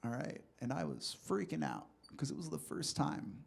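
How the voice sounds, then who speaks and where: A man in his thirties from Los Angeles doing a stand-up comedy set in a club, with deadpan punchlines and chatty asides to the crowd. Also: a little high, moderate pace, gravelly, husky. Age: 30s.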